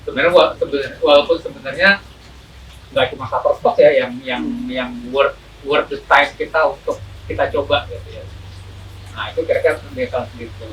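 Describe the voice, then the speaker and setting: A man's voice: medium pitch, steady tone, fairly quick, a bit bright. A man explaining things casually as an interview guest, hesitant and repeating words, slightly muffled by a face mask. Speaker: photography teacher, interview guest. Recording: distant mic, faint room noise.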